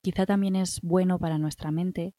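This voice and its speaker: Encouraging and reassuring, a middle-aged Spanish woman with an accent from Spain shares self-care advice in conversation as a wellbeing guest, checking in often with tag questions. Her lowish, dark voice stays steady at a moderate pace, in a dry, clean studio recording.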